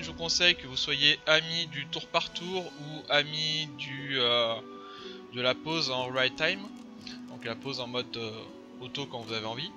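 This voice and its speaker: Brief: gamer host, chatty and rambling, slightly high voice, lo-fi mic over music. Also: male voice. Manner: chatty, rambling, filler-heavy. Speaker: let's play host. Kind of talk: casual gameplay commentary. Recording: dull lo-fi voice over game music.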